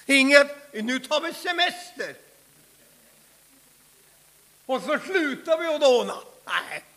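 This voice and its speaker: A man preaching a fervent Pentecostal sermon, swinging from hushed asides to loud shouts. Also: very high voice, big pitch swings. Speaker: pastor. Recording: long hall reverb.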